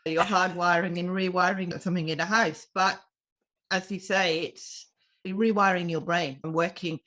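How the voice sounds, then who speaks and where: A woman's voice: on the low side, steady tone, moderate pace, a bit bright. A woman hosting a podcast interview, speaking in a friendly, encouraging way with brief affirmations. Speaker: podcast host.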